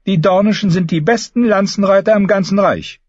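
A man's voice: high-pitched, brisk, no room sound, dull audio, pitched above the performer's own voice. A man playing an imperious queen mother. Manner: commanding, cutting, condescending.

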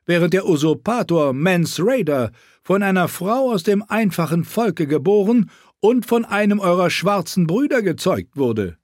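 A man's voice: sits high, lively intonation, unhurried, no echo, clean studio sound, voice pushed up. A man voicing a cold, haughty middle-aged queen who speaks in a prim, disdainful way.

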